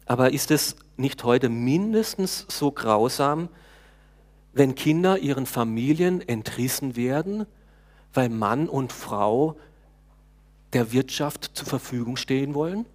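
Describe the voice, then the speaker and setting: A male preacher delivering a sermon with a relaxed, talking-to-the-congregation manner. He hesitates now and then, restarts a phrase, and puts questions to his listeners. His voice sits at an ordinary middle pitch for a man. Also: slow. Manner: conversational preaching, talks to the congregation, frequent hesitations.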